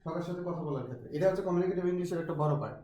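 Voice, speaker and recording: A man's voice: high voice, rapid-fire, dark tone, distant mic. Man lecturing in an echoey classroom. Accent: Bangladeshi. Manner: mixes Bengali with English, asks students questions, frequent restarts. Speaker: English teacher. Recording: very echoey classroom with some noise.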